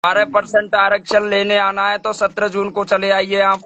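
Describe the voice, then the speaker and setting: A man's voice: high-pitched, completely flat delivery, moderate pace, gravelly, pushed and bright, dry recording. A man on a live video call, speaking in an emphatic, rallying way. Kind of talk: casual live chat. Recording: dull dry lo-fi call audio.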